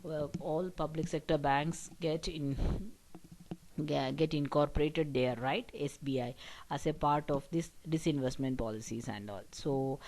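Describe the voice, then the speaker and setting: Low-voiced woman teaching a revision lecture. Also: steady tone, unhurried, a little mellow, a little hiss or hum, rough recording. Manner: explanatory, frequent "okay" and "right" checks.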